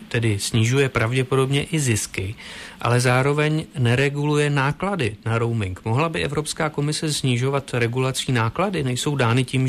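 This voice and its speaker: A man hosting a news broadcast, asking interview questions in a formal, crisp manner. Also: mid-range voice, slight background noise. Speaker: news anchor.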